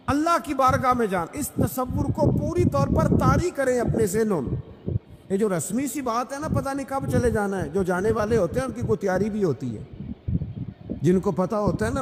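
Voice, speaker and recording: A man delivering an emphatic, rhythmic sermon, repeating phrases and reciting Arabic verses. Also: high-pitched. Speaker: Islamic preacher. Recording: echoey hall, noisy.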